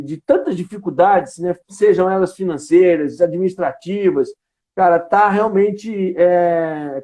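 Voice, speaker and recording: A man's voice: high-pitched, warm tone. A man who manages environmental work for a company, a guest answering at length in an earnest, explanatory way with many tag questions.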